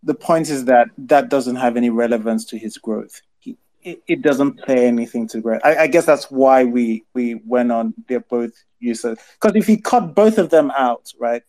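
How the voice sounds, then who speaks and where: A man's voice: mid-range voice, normal speed, darkish tone, low-quality recording. A man co-hosting a podcast, discussing a film casually, stammering and restarting as he thinks aloud. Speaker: podcast co-host.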